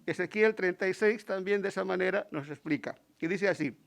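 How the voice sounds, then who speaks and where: A man's voice: high voice, a little fast, creaky. A man with a Spain Spanish accent preaching a Sunday sermon in church, stopping to ask the congregation rhetorical questions. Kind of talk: Sunday sermon with Bible readings.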